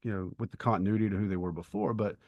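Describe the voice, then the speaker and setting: A middle-aged man, a writer co-hosting a podcast, talks casually in a bookish, opinionated way and explains things at length. His voice is lowish and steady, and he speaks rapid-fire. The audio is dull, with no echo.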